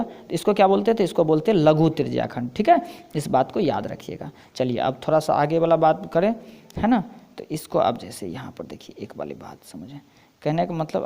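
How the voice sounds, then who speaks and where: A man's voice: a little high, vocal fry, mellow. A man with a Bihari Hindi accent teaching maths, explaining step by step and asking himself questions as he goes. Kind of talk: blackboard lesson.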